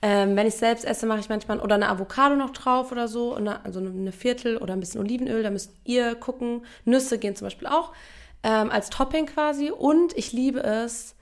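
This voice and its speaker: A woman's voice: fairly high pitch, a little fast. A young woman co-hosting a casual podcast, chatty and playful, walking listeners through recipes step by step and dropping English slang into her speech. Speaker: podcast co-host.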